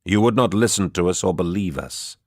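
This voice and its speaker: Man doing a calm warrior guy, low voice, measured, dry sound. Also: dry recording. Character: armored adult male warrior, calm and firm. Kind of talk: audiobook character reading.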